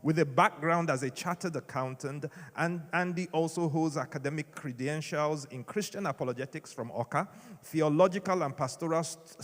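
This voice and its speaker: A man acting as event host, reading a formal introduction of a speaker. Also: on the high side. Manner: formal, building to an enthusiastic welcome. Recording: echoey hall.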